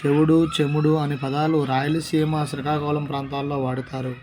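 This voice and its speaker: A man's voice: a little high, level tone, moderate pace, a little mellow. A man reads exam study notes in a slightly raised voice that stays level, with almost no rise and fall. He works through lists of word forms item by item and stops to restart when he slips. A light hiss of noise runs under him. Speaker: exam prep teacher. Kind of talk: reading study notes aloud.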